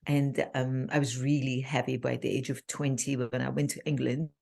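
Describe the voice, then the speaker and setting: A woman in her fifties from Iran, a relationship coach, talking casually on a video call with many pauses and fillers. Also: very deep voice, flat delivery, vocal fry, a little mellow. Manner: halting, many fillers, laughs easily. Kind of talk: casual interview chat.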